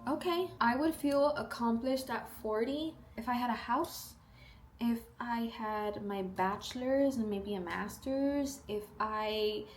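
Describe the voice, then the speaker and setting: Slow and a little high-voiced, a South Texas beauty vlogger, age twenty-two, chats through her makeup routine at home in a casual get-ready-with-me video. She's chatty and upbeat with animated asides and playful quoted voices, and a little hiss or hum sits in the audio.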